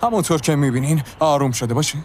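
Steady paramedic, played by a man: gentle, coaxing, lively pitch, slightly high. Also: a little hiss or hum, lightly acted. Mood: soothing. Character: calm male paramedic soothing a patient.

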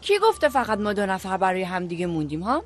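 A woman's voice: mid-range voice, sing-song, faint music behind, close to an everyday voice. A woman dubbing a clumsy young restaurant worker who pleads and apologizes. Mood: frustrated. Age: young adult. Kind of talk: dubbed drama acting.

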